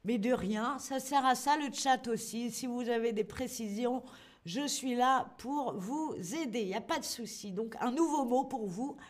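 A woman with a fairly high voice leads a live online language lesson. She talks slowly and playfully and keeps putting questions to her viewers. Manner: lively, playful, asks learners questions and answers chat. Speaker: French teacher.

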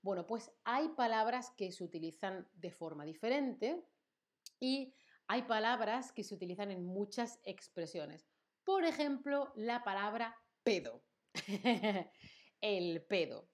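Slow-talking Spanish teacher from Spain. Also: female voice, mid-range voice, lively intonation. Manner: chatty, reads chat aloud, tag questions. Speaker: Spanish teacher streaming live. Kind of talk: live-streamed language lesson.

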